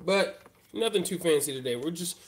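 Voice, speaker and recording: Working at a hobby workbench, a man with a head cold talks casually to his live-stream viewers in a stuffy, congested voice. It's a little high, with lively intonation and a moderate pace, and he's relaxed and chatty, addressing viewers directly.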